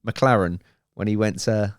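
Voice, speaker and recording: A man's voice: on the low side, a little slow, dry recording, studio quality. A man co-hosting a podcast in casual chat, teasing and laughing often. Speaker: podcast co-host.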